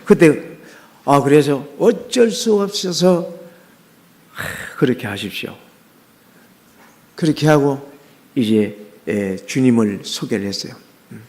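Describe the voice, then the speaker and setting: A middle-aged man preaches a sermon in a voice of ordinary pitch. He tells his own experience earnestly and often stops to restart a phrase. He also fills the gaps with short filler sounds. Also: expressive, measured pace, darkish tone. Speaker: pastor. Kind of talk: sermon with personal testimony.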